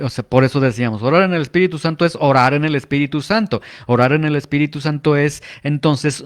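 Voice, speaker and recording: A man preaching a teaching sermon, explaining calmly with frequent filler pauses. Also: fairly high pitch.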